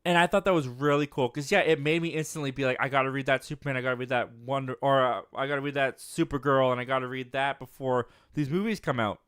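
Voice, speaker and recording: A man's voice: mid-range voice, fairly even intonation, fast talker, few pauses, fairly bright tone, clear, resonant tone, dry recording, studio quality. A man in his twenties hosting a live movie show, chatting casually as he reads viewer comments and often laughing at his own jokes. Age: 20s.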